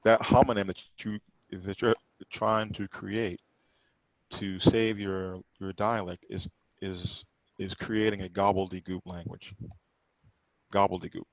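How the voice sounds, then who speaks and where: A man's voice: low voice, level tone, unhurried, dry recording, highs cut off. A man teaching a Sabbath study class, explaining pronunciation emphatically and repeating points to drive them home. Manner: explanatory, emphatic, repeats words while correcting others' pronunciation.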